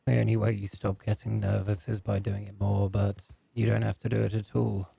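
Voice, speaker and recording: Gravelly low-voiced man, calm and firm. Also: a little fast. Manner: calm, firm, matter-of-fact. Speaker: roleplay gamer. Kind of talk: in-character roleplay chat.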